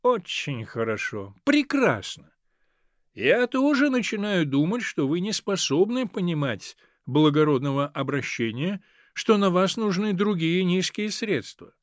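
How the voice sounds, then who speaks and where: A man's voice: high voice, big pitch swings, a little slow, no room sound, studio quality. A man voicing an imperious old grandmother, a countess, who drawls each word. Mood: indignant.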